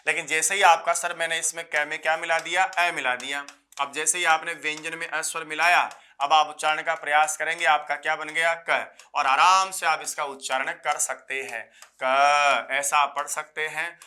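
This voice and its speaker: Bright-voiced male Sanskrit teacher lecturing. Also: fairly high pitch. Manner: repeats key phrases slowly, asks students rhetorical questions; recites Sanskrit rules in a measured chant. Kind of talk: exam-prep grammar lecture.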